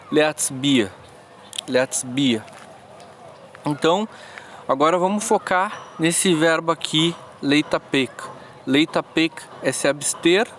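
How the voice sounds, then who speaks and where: A man teaching verb conjugations in an app tutorial, explaining slowly with frequent restarts. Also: high-pitched, a bit bright, slight background noise. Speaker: language teacher. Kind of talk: screen-recorded app tutorial.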